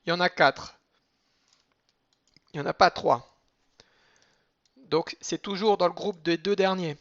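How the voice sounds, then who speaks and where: A man gives a patient lesson on cantillation marks, moving through each rule step by step. He breaks into slow chanted examples between the explanations. His voice sits a little high, and the recording sounds dull and lo-fi. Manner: explains rules step by step, then chants Hebrew examples slowly. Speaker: teacher of Torah cantillation.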